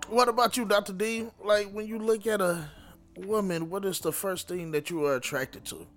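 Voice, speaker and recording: A man's voice: sits high, moderate pace, a bit bright. A man hosting a casual late-night panel show, often repeating his phrases for emphasis. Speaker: podcast host.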